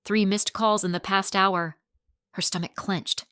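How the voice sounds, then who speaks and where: A woman narrating a scripted story in a measured, even storytelling manner. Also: mid-range voice, clean tone, no echo, clean studio sound.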